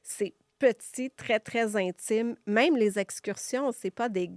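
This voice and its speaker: A woman's voice: fairly high pitch, slow, no room sound, studio quality. A woman with a Quebec French accent hosting a conversational podcast interview, reassuring and rephrasing as she goes. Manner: reassuring, rephrases the guest's words. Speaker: podcast host.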